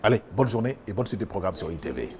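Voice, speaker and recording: A man with a Senegalese accent hosting a TV talk show in a lively, conversational way. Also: lowish voice, fast talker, slight background noise.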